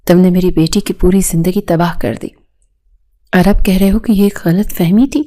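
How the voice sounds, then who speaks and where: A woman's voice: lowish voice, fairly even intonation, warm tone, lightly acted. A woman reading the lines of a furious older father who roars in anger. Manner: angry, roaring.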